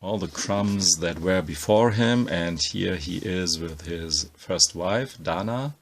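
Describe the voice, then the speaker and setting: A man talking casually as he pages through an art book, halting often with ums and uhs while he thinks aloud. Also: deep voice. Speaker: comics book reviewer. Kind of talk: casual spoken book walkthrough.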